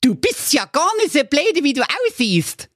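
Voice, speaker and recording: A high, cheeky talking dog. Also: male voice, a little slow, no room sound, clean studio sound, full character voice. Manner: impudent, mock-flattering.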